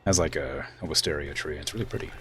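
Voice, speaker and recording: A man's voice: rumbling low, fast talker, fairly bright tone. A man giving casual, rambling gameplay commentary, thinking aloud as he plays. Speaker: game streamer.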